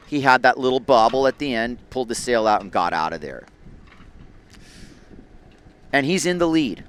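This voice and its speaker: A man's voice: mid-range voice, fairly bright tone, a little hiss or hum. A man giving live surf competition commentary in a laid-back, conversational surfer-announcer way.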